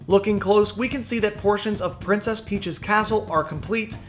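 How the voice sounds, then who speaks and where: Male narrator, high-pitched voice, scripted online video voice-over, clearly presentational and enunciated. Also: normal speed, a little hiss or hum. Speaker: theme park news video narrator.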